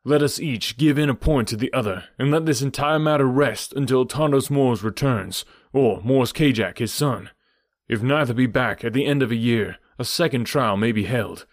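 A man reading the part of a noble hero who loudly commands a crowd to hold. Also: medium pitch, moderate pace, dry recording, clean studio sound, voice pushed up, lightly acted. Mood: commanding. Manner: loud, commanding oration. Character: noble adult male hero making a stern plea to a crowd.

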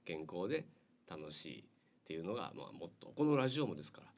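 A middle-aged man with a Kansai accent hosting a relaxed radio chat, teasing his guests and reading listener mail. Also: low-pitched, fast talker. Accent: Kansai Japanese. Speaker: radio host.

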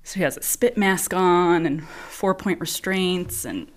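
A woman in her thirties with a fairly low voice tells a story in a relaxed chat. She laughs often and acts out the people she talks about. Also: unhurried. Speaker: podcast guest, nurse.

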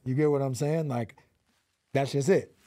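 A man's voice: mid-range voice, fairly even intonation, moderate pace, mellow, dry recording. A man in his twenties from Los Angeles, a rapper guest talking in slangy, earnest speech full of fillers. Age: 20s. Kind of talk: casual interview.

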